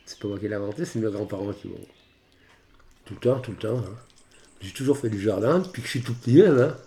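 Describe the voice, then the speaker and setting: A man's voice: lowish voice, quick pace, warm tone. A man in his fifties, a rural gardener, chatting emphatically and repeating himself. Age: 50s. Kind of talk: casual chat.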